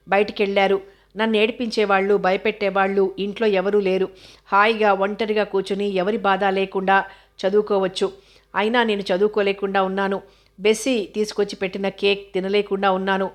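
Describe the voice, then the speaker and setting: Reading from a script, a woman narrates an audio novel in a medium-pitched voice, keeping her storytelling pace steady and measured.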